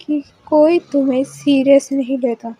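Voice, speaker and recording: A woman's voice: high-pitched, fairly even intonation, a little slow, mellow, dry recording. Woman voicing an irritated young college topper. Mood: annoyed. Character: serious, hot-tempered young male college topper.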